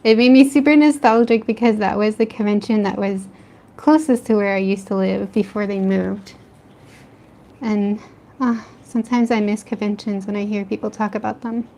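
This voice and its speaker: A woman with an American East Coast accent streams her art late at night from home, answering chat in a mellow, steady, medium-pitched voice at a moderate pace. She frequently laughs between her remarks.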